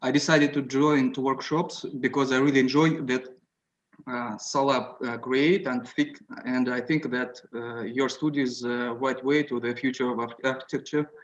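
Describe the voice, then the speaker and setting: A man's voice: mid-range voice, steady tone, normal speed. A man, an architect, introducing himself on a video call, often restarting words partway through. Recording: dull, muffled call audio.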